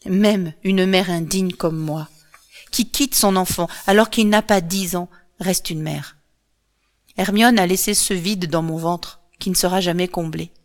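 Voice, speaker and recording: A woman voicing a sorrowful, weary woman in a storybook reading, speaking quietly. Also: fairly low pitch, steady tone, unhurried.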